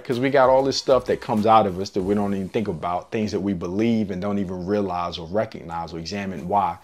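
A man giving a casual, earnest devotional sermon in a conversational, slangy way. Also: on the low side.

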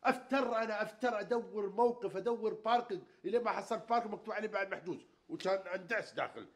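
Fast, high-voiced man, ranting. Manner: boastful, quick to rant. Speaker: comedy lead. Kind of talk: sitcom acting.

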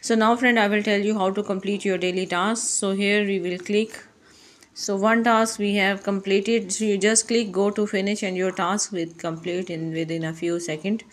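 A woman's voice: medium pitch, fairly even intonation, moderate pace. Woman host narrating a phone screen tutorial. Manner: repetitive, addresses viewers as friend, non-native English phrasing. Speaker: YouTube channel host. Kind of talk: screen-recorded tutorial walkthrough. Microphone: voice-over on phone screen recording.

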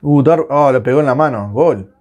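A Uruguayan man with a Rioplatense accent, reacting live to a football match with excitable, swearing rants. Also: medium pitch, moderate pace, muffled recording. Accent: Rioplatense Spanish. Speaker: football fan reacting on his channel.

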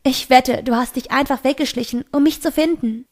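A desperate teenage girl pleads in a raised, urgent voice, as a woman reading a storybook aloud puts her on. The voice sits fairly high and insistent, begging to be heard. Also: brisk. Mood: pleading, urgent.

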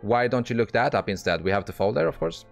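A man's voice: medium pitch, expressive, fast talker, gravelly, faint music behind. A man commentating live as he plays online poker, blunt and exasperated, swearing and restarting his sentences often. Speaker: poker streamer.

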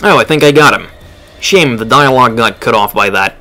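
A man's voice: medium pitch, expressive, a little fast, sharp tone. A man giving casual, wry commentary as he plays a video game. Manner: offhand, wry. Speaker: let's play commentator. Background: game music.

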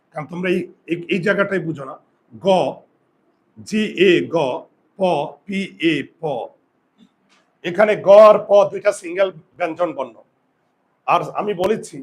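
High-voiced man teaching pronunciation. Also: poor audio. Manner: repetitive, drilling, asks students questions. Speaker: Bengali grammar teacher. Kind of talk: classroom pronunciation lesson.

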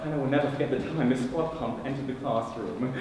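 A man's voice: mid-range voice, fast, lightly acted. A teenage boy on a theatre stage, acting a monologue as a gushing, overemotional young man who lurches between tears and giddiness. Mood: rueful. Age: late teens. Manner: theatrical, swings between tearful and giddy. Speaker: student actor. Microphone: distant room mic. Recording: echoey hall, far off, noisy.

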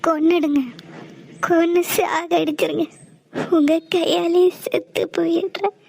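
A woman's voice: very high voice, flat delivery, a little slow, vocal fry, darkish tone, dry recording, exaggerated voice. A woman voicing a heartbroken young wife in a cartoon, speaking in a tearful, pleading way. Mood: despairing. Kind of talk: cartoon voice acting.

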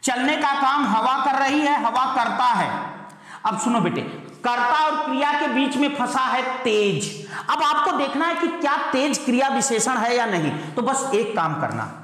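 In a very echoey, long-reverb room, a male teacher with an extremely high, sharp-toned voice runs an online grammar class. He peppers students with repeated questions, addresses them as "beta," and slows right down to spell out every example sentence.

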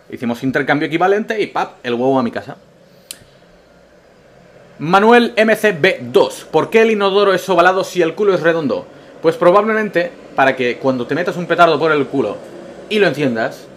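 A man from Spain, a gaming YouTuber, answering viewer questions in a casual vlog with absurd jokes and a Spanish accent. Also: fairly high pitch. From Castellón, Spain. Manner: joking, absurd humor, swings between loud bursts and mumbled asides.

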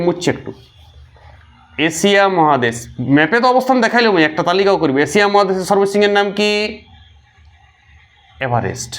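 A man teaching a geography lesson for exam prep, repeating key names slowly and quizzing his viewers. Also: sits high.

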